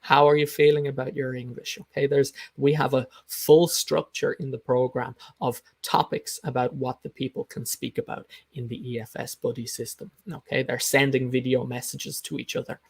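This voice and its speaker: A man's voice: mid-range voice, level tone, normal speed, vocal fry, hardly any pauses, slightly rough, dry recording. A man coaching English learners in an informal live lesson, explaining in an emphatic, instructive way and repeating his key points. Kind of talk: informal live teaching talk, explaining and answering comments.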